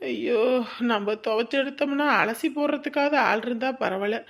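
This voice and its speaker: A woman's voice: on the high side, moderate pace, creaky. A woman playing a weary young mother, grumbling and sighing to herself in a family drama monologue.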